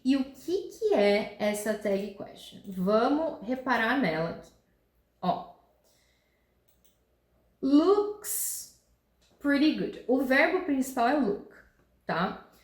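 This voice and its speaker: A woman teaching an English grammar lesson in Portuguese. She explains patiently, often checks in with "tá?" and "né?", and reads her English examples slowly and clearly. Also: on the high side, lively intonation. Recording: roomy echo.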